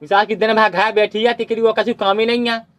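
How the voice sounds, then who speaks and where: A man's voice: high-pitched, level tone, fairly quick, fairly bright tone, no echo. A man playing an exasperated village husband in a comedy sketch, grumbling at length. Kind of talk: rural comedy sketch acting. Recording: music playing under the voice.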